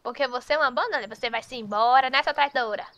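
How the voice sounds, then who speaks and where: High, bright chatty woman gamer. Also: quick pace, no room sound. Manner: chatty, teasing the game characters. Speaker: gameplay youtuber. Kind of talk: casual gameplay commentary.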